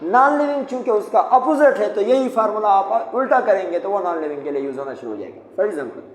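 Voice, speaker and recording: A man's voice: high-pitched, lively intonation, fairly quick. A man teaching English grammar, patiently explaining each step and repeating key points. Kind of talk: classroom lesson at a whiteboard. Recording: echoey room, faint background noise.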